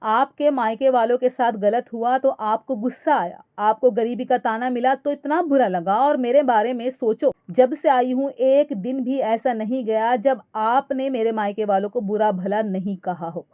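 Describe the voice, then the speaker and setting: A woman's voice: on the high side, moderate pace, few pauses, dark tone, no room sound, clean studio sound, lightly acted. A woman voicing a defiant young daughter-in-law who answers back in blunt, mocking retorts in a spoken story.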